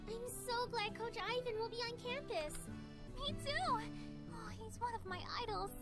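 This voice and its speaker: A woman's voice: extremely high pitch, a little slow, music in the background. A woman voicing a poised, earnest young female student in a visual novel game, polite and composed. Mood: calm.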